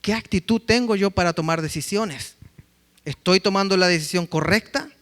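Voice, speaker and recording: A man preaching a sermon as pastor, telling stories with lively acted-out quotes. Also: high voice, moderate pace, long reverb tail. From Chile. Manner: lively storytelling, acting out quotes. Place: church sanctuary.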